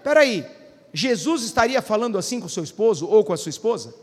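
A man with a very high-pitched voice preaches a sermon to his congregation. He keeps throwing questions back at the listeners and waits for their replies. His voice rings with the long reverb of a church hall. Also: very animated, brisk, slightly rough. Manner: preaching with frequent call-and-response questions to the congregation. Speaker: pastor.

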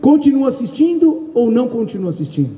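A man preaching a sermon in Brazilian Portuguese, speaking loudly and firing questions at the congregation. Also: very high voice, big pitch swings, fast. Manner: loud, calls out questions to the congregation. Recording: echoey hall, long reverb.

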